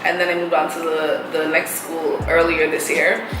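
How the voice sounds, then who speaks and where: A woman's voice: low voice, moderate pace. Jamaican woman chatting, echoey room. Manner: relaxed, thoughtful, with many fillers. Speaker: English teacher. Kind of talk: casual chat. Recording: echoey room with background music.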